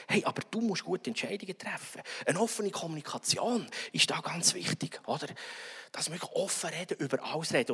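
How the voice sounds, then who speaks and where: A man preaches with a high, husky voice that jumps around in pitch. He acts out little everyday dialogues and keeps checking in with his listeners. His voice rings with the long reverb of a large hall. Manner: animated, acts out little dialogues, frequent "oder?". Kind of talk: sermon.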